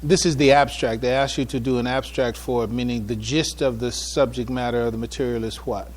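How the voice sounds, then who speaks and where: At a public event before an audience, a man presenting a paper at a conference opens with an informal preamble and then reads the paper aloud. He speaks haltingly, repeating phrases and restarting, with a medium pitch and fairly even intonation.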